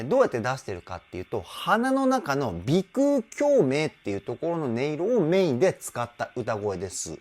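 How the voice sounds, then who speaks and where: A man working as a vocal trainer, explaining singing technique in an enthusiastic, animated way. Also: on the high side. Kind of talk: reaction and vocal analysis commentary.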